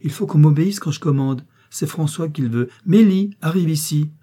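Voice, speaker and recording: A strong-willed young farm wife from an old storybook, giving orders in a firm, raised voice, as a man reads her aloud. The voice sits noticeably higher than the reader's own and stays dark and a little husky underneath. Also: unhurried. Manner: firm, commanding.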